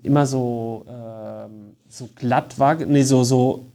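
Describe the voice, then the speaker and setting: A woman's voice: very deep voice, fairly even intonation, slow pace, mellow. A woman co-hosting a podcast in casual chat, thoughtful and searching for her words as she talks.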